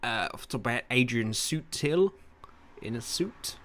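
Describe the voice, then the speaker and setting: Bright-voiced man hosting a chatty podcast. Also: mid-range voice, expressive, moderate pace, no echo. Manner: laid-back, teasing, laughs often. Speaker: podcast host. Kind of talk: casual podcast chat.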